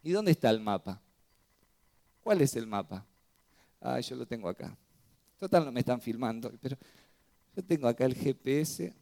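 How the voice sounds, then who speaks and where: A man's voice: mid-range voice, lively intonation, moderate pace, creaky, pauses often, mellow. A male pastor with a Rioplatense Spanish accent, preaching a sermon and often asking his congregation questions. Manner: asks the congregation frequent rhetorical questions, checks with "¿sí?". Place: church.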